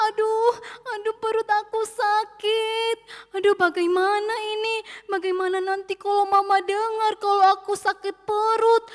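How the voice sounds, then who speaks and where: A woman's voice: extremely high pitch, in a large hall, voice pushed up. A woman doing a whiny little boy.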